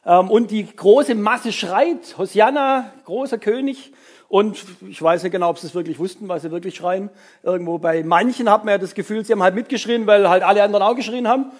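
A man's voice: high-pitched, fast talker. A man giving a casual sermon to young people as their youth leader, chatty and full of fillers and tag words.

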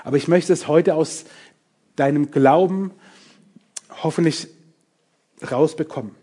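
Middle-aged guy preaching, husky mellow voice, punchy and animated, jokes at himself. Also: on the high side, measured pace. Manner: lively, emphatic, self-mocking, addresses the congregation directly. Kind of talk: sermon.

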